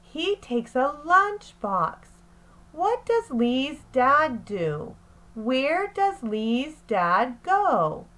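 Here a teacher, a woman, shares a picture book with young listeners, reading in measured, expressive phrases. Her voice sits high.

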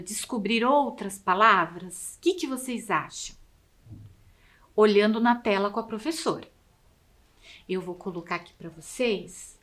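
A Brazilian woman teacher giving a lesson to children, spelling words out slowly and sounding out syllables with exaggerated care. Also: mid-range voice, a bit bright. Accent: Brazilian Portuguese. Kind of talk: slow, drawn-out classroom instruction for children.

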